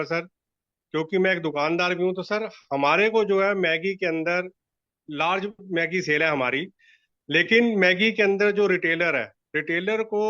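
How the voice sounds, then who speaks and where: Polite shopkeeper guy from delhi on a muffled phone line, high bright voice, dry sound. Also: no room sound. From Delhi, India. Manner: polite, says "sir" often. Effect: heard over a phone or audio line. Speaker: shareholder and shopkeeper asking a question. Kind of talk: formal question at a shareholder meeting.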